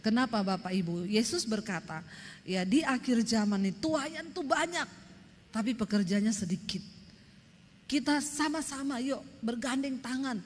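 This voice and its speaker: A woman's voice: fairly high pitch, moderate pace. Emphatic woman preaching in a hall. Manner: emphatic, lively storytelling with acted quotes. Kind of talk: sermon. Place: church hall. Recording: long reverb of a church hall.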